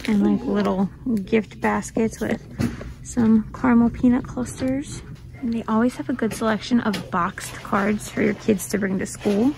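A vlog host in her thirties films herself on a handheld phone camera inside a shop, chatting casually about the cute items she spots. Her voice is a little high, steady and unhurried, with vocal fry, and the shop around her is noisy.

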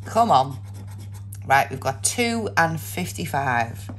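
A woman's voice: low voice, sing-song, slow, a little hiss or hum. A woman giving casual, chatty commentary, thinking aloud as she hosts a video of herself playing. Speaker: host of a scratch card video.

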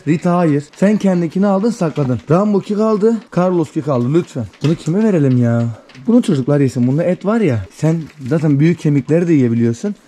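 A man doing casual vlog commentary, talking excitedly to puppies as he feeds them. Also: fairly high pitch, slight background noise. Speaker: vlogger.

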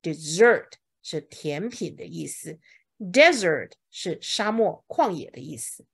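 Husky-voiced woman teaching vocabulary. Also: fairly low pitch, lively intonation. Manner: drills words slowly, asks questions, says OK a lot. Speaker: English teacher. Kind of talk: bilingual vocabulary lesson to a class.

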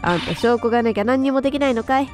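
A woman voicing a pushy, gossiping middle-aged woman who talks brashly and roughly. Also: a little high, rapid-fire, music in the background, close to an everyday voice. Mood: scolding.

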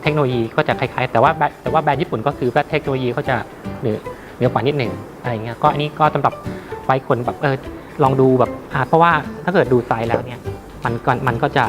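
A man giving an informal product demonstration as a seller, haltingly, with many repeats and hesitations. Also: mid-range voice. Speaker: radio equipment seller.

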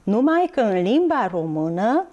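A woman teaching a televised reading lesson to young children, speaking slowly and clearly and spelling out words letter by letter. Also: mid-range voice, sing-song, warm tone. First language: Hungarian. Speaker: primary school teacher.

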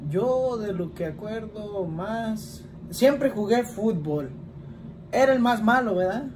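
A high-pitched, expressive man in his twenties speaks slowly with a Mexican Spanish accent, and the background is noisy. His casual home vlog, filmed in a small room against a plain wall, features rambling answers to questions, many lines tagged with "¿verdad?".

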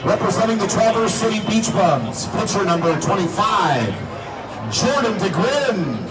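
A man's voice: high-pitched, sing-song. Male stadium announcer, echoey distant PA. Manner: projected, deliberate, drawn-out names. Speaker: stadium public address announcer. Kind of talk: ceremonial player introductions, announcing. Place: outdoor baseball stadium, heard over loudspeakers. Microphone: announcer's PA captured from the stands. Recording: distant echoey stadium PA, crowd, loud music. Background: crowd and loud music.

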